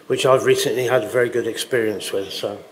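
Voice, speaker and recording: A man's voice: mid-range voice, steady tone, fast, slight background noise. A man chairing a conference session, briefly and informally introducing the next speaker. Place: conference hall. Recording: distant mic in a reverberant hall.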